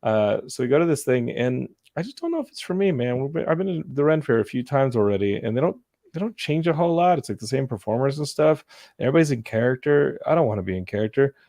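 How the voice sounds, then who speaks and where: Man, gravelly voice, casual podcast chat, jokey storyteller, dry sound. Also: medium pitch, animated, quick pace, warm tone, dry recording. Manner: jokey storyteller, mimics people in silly voices. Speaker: podcast co-host.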